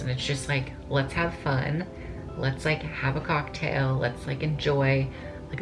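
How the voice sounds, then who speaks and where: A woman in her late twenties, a bikini competitor, chatting casually and ramblingly to camera with lots of filler words. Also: a bass voice. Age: 20s.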